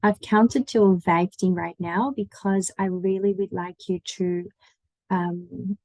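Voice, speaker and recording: Woman, online language tutor, low gravelly voice, slow patient delivery. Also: fairly even intonation, dark tone, no room sound, low-quality recording. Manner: slow, patient, explaining pronunciation. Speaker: language teacher.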